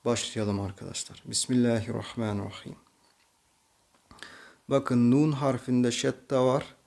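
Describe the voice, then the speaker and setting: A man with a Turkish accent teaching slow Quran reading, patiently explaining each letter and then reciting the words slowly and drawn out. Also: medium pitch, steady tone, creaky, a little mellow. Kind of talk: slow tajweed reading lesson.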